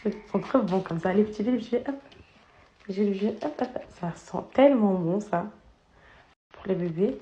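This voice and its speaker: A woman's voice: mid-range voice, normal speed, pauses often, mellow, lo-fi sound. A young woman filming a casual vlog at home on her phone, chatting to her followers and cooing at her children. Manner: chatty, switches into sing-song baby talk. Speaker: influencer filming her daily story. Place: home, indoors.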